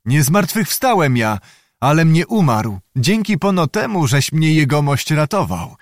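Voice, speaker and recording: A man's voice: fairly high pitch, very animated, a little slow, no echo, clean studio sound, pitched above the performer's own voice. Man voicing a sly young servant rogue. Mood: sly fawning.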